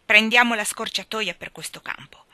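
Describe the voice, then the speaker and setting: A woman reading an audiobook voices a cheeky, defiant young boy who boasts and taunts loudly. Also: mid-range voice, normal speed, dry recording. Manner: loud, taunting and triumphant.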